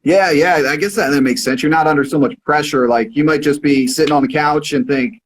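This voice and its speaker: A man's voice: a little high, fairly quick, low-quality recording. A man hosting a casual radio livestream interview, easygoing and full of fillers and agreeing noises. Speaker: radio host.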